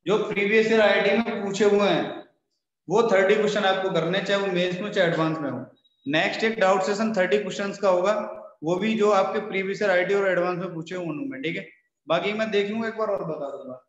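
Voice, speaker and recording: A man's voice: high-pitched, fairly quick. A man teaching a maths class and giving instructions to his students, often checking in with "okay". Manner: instructive, repeats "ठीक है" often. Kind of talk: online class wrap-up. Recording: echoey, dull, lo-fi hall sound.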